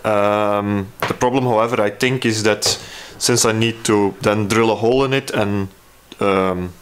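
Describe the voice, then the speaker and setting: Presenting a hands-on radio restoration, a man speaks in a lowish, clean voice with fairly even intonation and an unhurried pace. He's casual and hesitant, working out his thoughts aloud as he explains each step of the repair.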